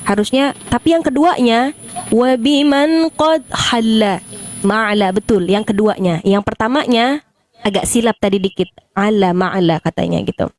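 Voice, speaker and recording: A woman judging Arabic pronunciation in a singing contest, methodical and halting. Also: medium pitch, animated, darkish tone, no room sound. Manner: methodical, hesitant with many "eh" fillers. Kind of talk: critique in an online singing contest.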